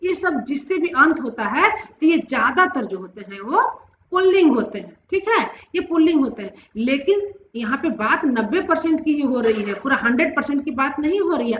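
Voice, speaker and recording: A high, bright woman's voice explains a grammar lesson patiently, asking her listeners questions before answering them. The sound is slightly dull and lo-fi, with noticeable room echo. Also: a little hiss or hum. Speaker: Hindi grammar teacher. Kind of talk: classroom-style grammar lesson.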